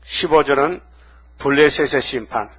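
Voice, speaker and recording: A man's voice: mid-range voice, moderate pace, fairly bright tone, slightly rough. A middle-aged man, a pastor, preaching a dawn-service sermon and acting out the quoted lines of the Bible stories he tells.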